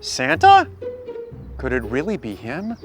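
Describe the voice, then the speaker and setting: A man playing an enthusiastic dinosaur ranch ranger in a children's adventure skit, animated and playful. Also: a little high, unhurried. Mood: urgent, playful. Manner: animated, playful, exaggerated reactions. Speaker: children's show performer. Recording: music behind the voice.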